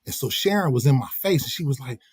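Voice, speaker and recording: A middle-aged man telling a casual, animated story on a podcast, laughing as he goes. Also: mid-range voice, fast, slightly rough, dry recording. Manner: animated, laughing, slips into quoted voices. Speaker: podcast host.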